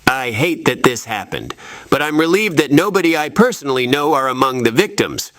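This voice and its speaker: Man acting Spider-Man, animated wisecracking hero. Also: mid-range voice, fairly quick, no echo, lightly acted. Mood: earnest. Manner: wry, quippy, animated. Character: Spider-Man, young wisecracking male superhero, self-deprecating. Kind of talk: video game dialogue.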